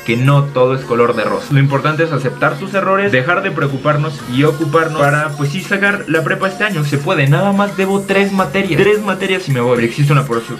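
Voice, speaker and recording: A man's voice: fairly high pitch, brisk, few pauses, over music. A young man with a Mexican accent, talking casually and expressively to his viewers in a confessional vlog. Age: young adult. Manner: chatty and expressive, addresses viewers as friends. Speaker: vlogger.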